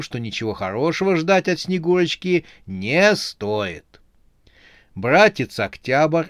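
A man narrating a humorous horror story in a lively, expressive reading. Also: mid-range voice, dry recording, studio quality.

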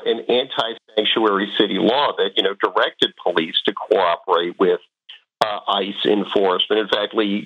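A man giving halting, explanatory commentary as an expert guest in a radio interview. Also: on the low side, gravelly. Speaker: guest expert on immigration law. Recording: muffled, narrow radio audio.

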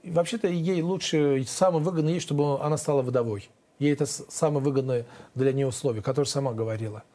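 A man's voice: mid-range voice, quick pace, warm tone. A man, a former defense lawyer, answering interview questions in an emphatic, rambling, aggrieved way with many restarts.

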